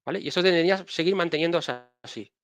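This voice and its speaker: A man with a Spanish accent, a guest speaker casually explaining software on a live stream while showing his screen, often restarting his phrases. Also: fairly high pitch, fast, vocal fry. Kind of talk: technical live-stream talk.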